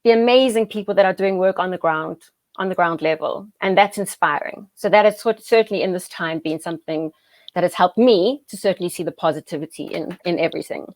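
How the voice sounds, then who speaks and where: A woman's voice: on the low side, fairly quick, darkish tone, dry recording. A woman hosting an interview, talking enthusiastically and heaping praise on her guest. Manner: gushing, enthusiastic, effusive praise. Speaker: host. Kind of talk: interview conversation.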